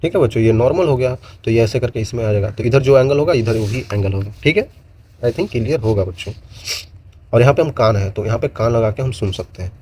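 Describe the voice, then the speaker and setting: A male physics teacher lecturing his students at an easy, even pitch. His voice is warm and mellow rather than bright, and he explains patiently, repeating his phrases and slipping English terms into his lesson. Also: a little fast, a little hiss or hum. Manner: explains with repeated gestures and "bachon" asides, mixes Hindi and English.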